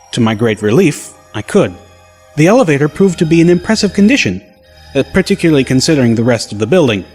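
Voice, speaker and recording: A husky man's voice with fairly high pitch reads scripted first-person story narration as an audiobook narrator. A loud music bed plays under his reading.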